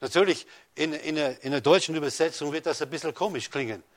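A man preaching a sermon, addressing listeners directly with rhetorical questions and swinging between loud rises and soft drops. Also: fairly high pitch, fast talker. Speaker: pastor.

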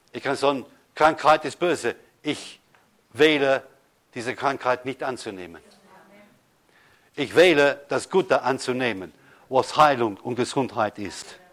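Emphatic preaching pastor, slightly high voice. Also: male voice, a bit bright. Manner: preaching with emphatic slow stresses and rhetorical questions. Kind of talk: sermon.

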